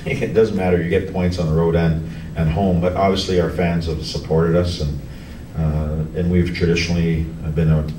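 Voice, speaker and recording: A middle-aged man, a hockey coach, answering reporters at a post-game press conference, halting with many restarts and fillers. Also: rumbling low. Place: press room in front of a team backdrop. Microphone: table mic on a stand, heard from a camera farther off. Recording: echoey room, distant camera, background noise.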